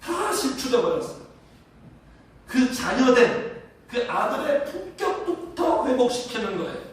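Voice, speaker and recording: A man's voice: extremely high pitch, very animated, a little slow. A man preaching a sermon as pastor, leading his congregation in reading aloud together and asking them questions. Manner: leads congregation in call-and-response reading. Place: church sanctuary. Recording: echoey church hall from far off.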